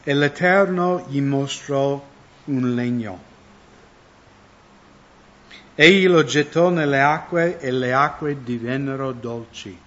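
A man's voice: medium pitch, slow pace, long pauses, fairly bright tone. A man preaching a conversational sermon, often asking his listeners questions. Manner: conversational, asks the audience questions. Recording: dull lo-fi recording.

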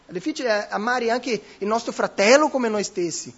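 A man with a high, husky voice preaches a sermon with emphatic rhetorical questions and frequent self-corrections. The recording is dull and lo-fi. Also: normal speed.

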